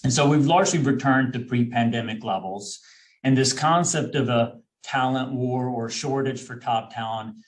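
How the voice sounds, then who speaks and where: This webinar presentation features a man from Sweden, an executive recruiter appearing as a guest via video call. He speaks at medium pitch and moderate pace, explaining in a friendly manner with frequent fillers and restarts.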